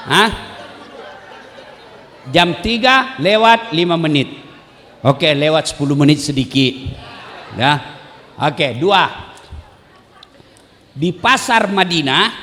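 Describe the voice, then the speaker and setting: A man preaching a humorous sermon to a crowd, often quizzing the audience with quick questions. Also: fairly high pitch, a little hiss or hum. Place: large mosque hall. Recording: reverberant mosque hall over loudspeakers.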